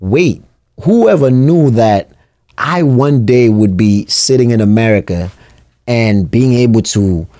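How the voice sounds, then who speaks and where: A man hosting alone, talking in an unhurried, thoughtful and personal way. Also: mid-range voice, animated, warm tone, no room sound, clean studio sound. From South Africa. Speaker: podcast host. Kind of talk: reflective solo monologue.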